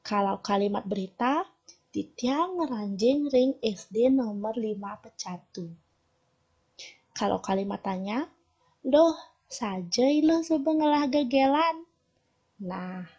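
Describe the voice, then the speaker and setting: A woman with a Balinese accent teaching children a language lesson, explaining slowly and patiently. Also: medium pitch, darkish tone, slightly rough. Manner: slow, patient explaining to children, shifting between Balinese and Indonesian. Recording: dull lo-fi recording.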